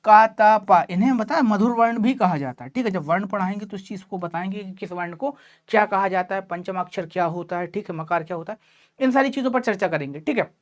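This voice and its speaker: A woman with a mid-range voice, speaking a little fast, teaches an online class in Hindi. She explains things patiently and checks in often with her students, affectionately calling each of them "child."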